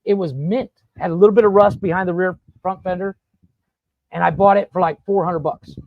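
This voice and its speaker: A man hosting a casual podcast, telling rambling, profane stories in an animated way. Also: high-pitched, a little fast, vocal fry, no room sound, muffled recording. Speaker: podcast host. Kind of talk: casual storytelling chat. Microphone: podcast studio mic.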